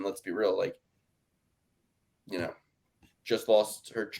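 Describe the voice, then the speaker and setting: A man riffing on a casual sports picks podcast. He rants with energy and drops into mocking impressions of the other hosts. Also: fairly low pitch. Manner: animated ranting with mocking put-on quotes. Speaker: podcast co-host. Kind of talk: casual sports-betting chat.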